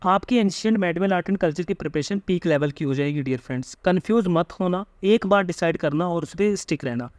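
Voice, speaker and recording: Emphatic young Indian man, high voice. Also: a little fast, few pauses, no room sound. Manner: emphatic, repeats tag questions like "theek hai". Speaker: exam coaching guide. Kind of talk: direct-to-camera study advice.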